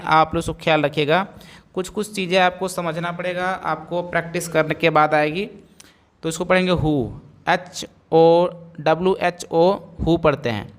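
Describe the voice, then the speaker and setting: A man giving a phonics lesson, spelling words out letter by letter, then repeating them and asking viewers to say them back. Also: a little high. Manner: slow, repeats each word and quizzes viewers. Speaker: English teacher.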